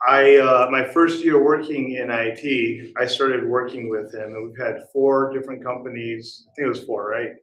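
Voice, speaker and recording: A man's voice: medium pitch, steady tone, moderate pace, hardly any pauses, fairly bright tone, a little hiss or hum. A man giving a casual conference talk, quizzing the audience and laughing at himself. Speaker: conference speaker. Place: conference room. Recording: echoey hall, voice heard from a distance at times.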